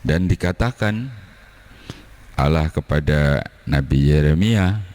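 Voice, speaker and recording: Man, church sermon, low voice, unhurried, chatty preaching style. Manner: relaxed conversational preaching, acting out quoted dialogue. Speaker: pastor. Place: church service.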